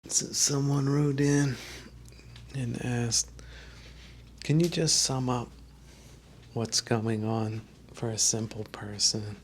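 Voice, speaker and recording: A man giving a rambling political monologue to his channel, halting with many fillers and restarts, clearing his throat and saying he is losing his voice. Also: mid-range voice, fairly even intonation, a little hiss or hum. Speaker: channel host.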